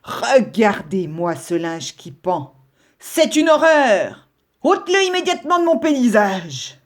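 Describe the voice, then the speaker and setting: A woman voicing a fussy, quick-tempered male grey rabbit who complains in shrill outrage. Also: big pitch swings. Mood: outraged.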